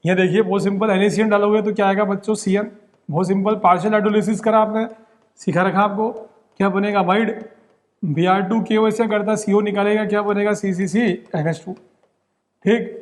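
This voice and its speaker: A young man with a high voice, runs through exam-prep chemistry rapidly and keeps checking in with his students. His voice carries a long reverb, as if lecturing in a large hall. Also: fairly even intonation. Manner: rapid, drilling, repeats "ठीक" and "बहुत simple". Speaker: chemistry teacher.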